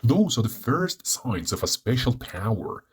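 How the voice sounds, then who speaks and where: A man's voice: mid-range voice, slightly rough, exaggerated voice. A man voicing a cheerful, chatty robot satellite with a robotic, sparkling voice and theatrical delivery. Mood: explaining. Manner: theatrical, lively, drawn-out delivery. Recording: soft music underneath.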